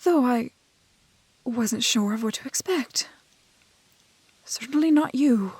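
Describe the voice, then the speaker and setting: A woman voices a gentle, curious young village maiden in a romantic fantasy audio roleplay, speaking softly and breathily with halting, old-fashioned politeness. Her voice sits a little high, and the recording is dry. She sounds timid and polite.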